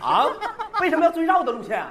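A man's voice: very high-pitched, very animated, fast talker, in a large hall, noisy background. A man playing a hapless, exasperated driver, complaining animatedly in a comedy sketch. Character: exasperated, hapless driver arguing with talking navigation. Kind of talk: comedy sketch stage acting.

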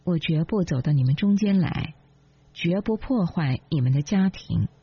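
一位女性朗读者演绎一个客气庄重、温婉沉静的年轻女子，声音略带沙哑。. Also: female voice, lowish voice, lively intonation, normal speed, breathy edge, dry recording. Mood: polite. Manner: polite, solemn. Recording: dull lo-fi, dry.

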